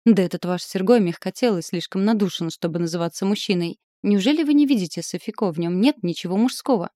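Arrogant young suitor, fiery and boastful, read by a woman in a low, mellow voice; dry close sound. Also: a little fast, no echo, natural voice. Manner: boastful, hoarse, forceful declarations. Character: passionate, arrogant young male suitor, turning menacing. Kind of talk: audiobook character reading.

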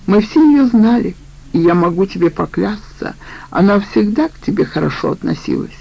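A sharp-tongued middle-aged woman in a crime audiobook needles her partner with a mocking edge, as a female narrator puts her on. The voice sits dark and a touch gravelly. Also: mid-range voice, lively intonation, normal speed, low-quality recording.

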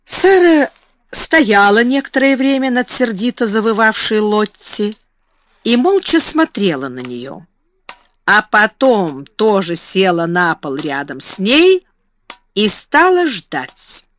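A woman's voice: medium pitch, takes it slowly, no room sound. Woman narrating a storybook, dry sound. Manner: expressive storytelling reading. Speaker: audiobook narrator. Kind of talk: scripted narration. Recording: dry, slightly muffled recording.

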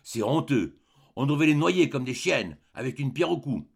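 A man's voice: medium pitch, sing-song, moderate pace, vocal fry, slightly rough, exaggerated voice. A jealous, indignant young man, as a male storyteller puts him on, speaks with tight, trembling outrage. It sits close to the reader's own voice, read from a literary story.

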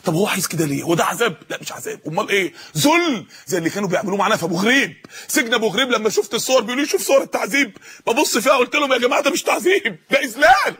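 A man preaching a passionate sermon with an Egyptian accent, swinging from storytelling to shouted appeals. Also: high voice, lively intonation, rapid-fire, a little hiss or hum. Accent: Egyptian Arabic. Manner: impassioned, rising to shouts, acts out quoted voices.

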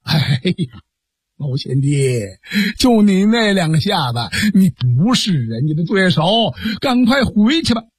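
Guy doing a calm polite outlaw boss, husky, dry sound, pitch moves a lot. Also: measured pace, dry recording, exaggerated voice. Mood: earnest.

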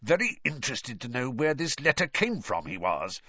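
A man growling as a gruff blustering uncle. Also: medium pitch, wildly swooping pitch, moderate pace, pushed and bright, no echo, highs cut off, heavily acted. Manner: growling through gritted teeth.

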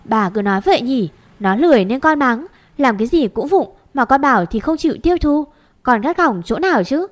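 A woman reading as a quick-tempered young woman, an elder sister who scolds and snaps. Her voice sits high and her words come sharp. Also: expressive. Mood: snappish. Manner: snappish, scolding.

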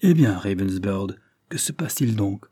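A man reading an audiobook, voicing a nonchalant, joking young gentleman. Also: lowish voice, animated, normal speed, slightly rough, dry recording, clean studio sound. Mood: curious.

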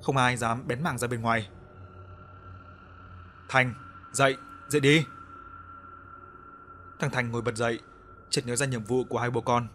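A man narrating a spooky village story in steady storytelling for an audiobook. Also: mid-range voice, fast talker, a little hiss or hum.

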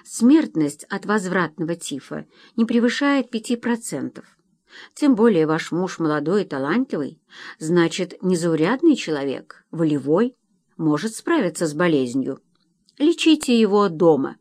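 A male audiobook reader voicing a calm, kindly local doctor who reassures a frightened wife. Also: sits high, measured pace, heavily acted. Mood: reassuring. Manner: reassuring, gentle. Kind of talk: audiobook narration with voiced quotes.

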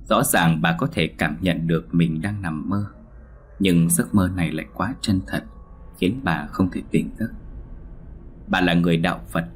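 A man narrating a ghost story in a slow, somber storytelling manner. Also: low-pitched.

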